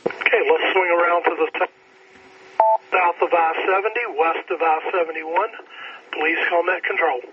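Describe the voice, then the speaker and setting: A man's voice: fairly high pitch, steady tone, normal speed, a crowd in the background. A man running an amateur radio net as net control, calling for and acknowledging stations over a radio transmission with static. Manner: methodical, procedural call-and-acknowledge delivery. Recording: muffled lo-fi radio with clear static.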